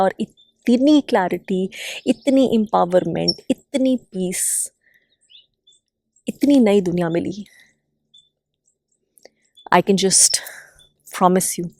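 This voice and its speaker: A woman's voice: mid-range voice, darkish tone, dry recording. Earnest woman giving spiritual encouragement. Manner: earnest, encouraging, repeats phrases for emphasis. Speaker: inner-healing channel host. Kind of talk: spontaneous spiritual self-help talk.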